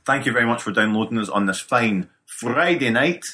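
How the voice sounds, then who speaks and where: A man with a Glaswegian Scottish accent, chatting and joking as a podcast co-host. His voice is bright and sharp-edged. He jumps into banter easily. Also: medium pitch, lively intonation. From Scotland. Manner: jokey, teasing, quick to laugh. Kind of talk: casual chat.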